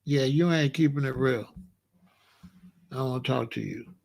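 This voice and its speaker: Medium-pitched with vocal fry and a darkish tone, a man rants at his chat at a moderate pace while hosting a live commentary stream. Off the cuff, he's blunt and repetitive, confronting and calling out a chatter.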